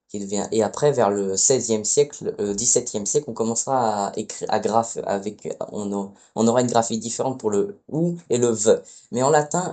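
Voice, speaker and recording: A man's voice: medium pitch, mellow. A man giving a casual spoken lesson as a teacher, hesitant and often correcting himself mid-phrase. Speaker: Latin teacher.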